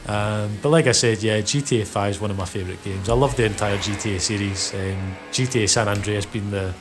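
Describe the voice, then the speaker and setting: A Scottish man in his thirties hosts his gaming channel, offering casual commentary as he plays. His voice is lowish and a little fast, and he talks in a laid-back, easygoing, rambling way, leaning on "you know" and "um."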